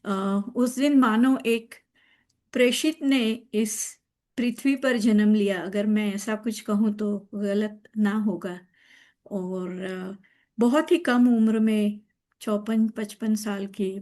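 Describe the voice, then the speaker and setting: A woman hosts a song program at an unhurried pace, her voice at an everyday middle pitch. She talks in a chatty, reflective way, stopping often with fillers as she gathers her thoughts. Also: warm tone. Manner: chatty, thoughtful, with frequent pauses. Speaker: show host. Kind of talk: casual hosting of a music program.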